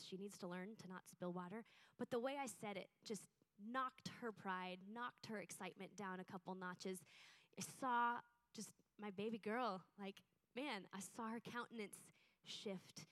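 A woman's voice: mid-range voice, a little slow, fairly bright tone. A young woman preaching to a church, telling a personal story in an earnest, heartfelt way. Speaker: church speaker.

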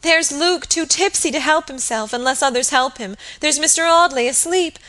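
A woman performs a hysterical young servant in an audiobook drama, sobbing, gasping and pleading in terror. Her voice is high, bright and forceful, pitched above her natural range, at normal speed, sounding distraught and alarmed.

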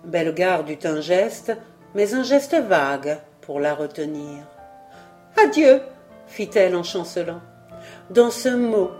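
A woman narrating a novel aloud in a measured, even storytelling voice. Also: on the low side. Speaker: audiobook narrator. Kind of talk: scripted narration.

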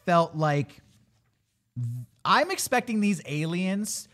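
A man's voice: high-pitched, animated, slow pace, a bit bright. A man recapping a film in casual, joking podcast chat, acting out the characters in exaggerated voices. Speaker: film review podcast host. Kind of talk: casual comedic movie review chat.

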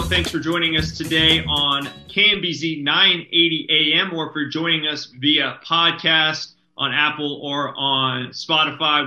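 A man's voice: fairly high pitch, pushed and bright, roomy sound, poor audio. A man hosting a radio talk show in a studio, chatting casually and often restarting his sentences with fillers.

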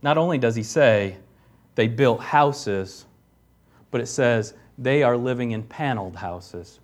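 A pastor with a medium-pitched voice preaches a sermon a little slowly, reading scripture aloud. He presses his points with rising emphasis, getting loud on key phrases, and drops in casual asides.

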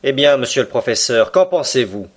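A cool, commanding sea captain, read by a man, who speaks slowly and with quiet irony. His lines are measured and deliberate, as in a storybook reading. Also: mid-range voice, animated, close to an everyday voice. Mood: cool, ironic. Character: calm ironic male submarine captain, commanding. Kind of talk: audiobook character reading.

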